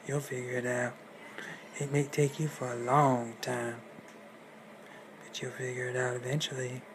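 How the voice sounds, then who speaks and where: A man's voice: medium pitch, level tone, measured pace, lightly acted. A man voicing a sly, scheming male big bad wolf who taunts and menaces in slangy talk, on a noisy recording. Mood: taunting.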